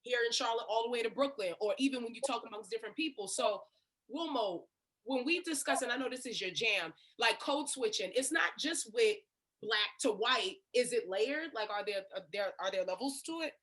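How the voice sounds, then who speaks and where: A woman hosting a casual panel discussion, chatty and quick to affirm her guests. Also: fairly high pitch, lively intonation, fairly bright tone. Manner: chatty, frequent affirming interjections. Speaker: host.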